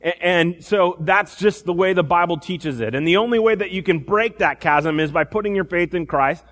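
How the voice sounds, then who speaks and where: A preacher giving a sermon at a pulpit microphone, in a relaxed teaching tone with frequent restarts. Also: male voice, sits high, normal speed, in a large hall.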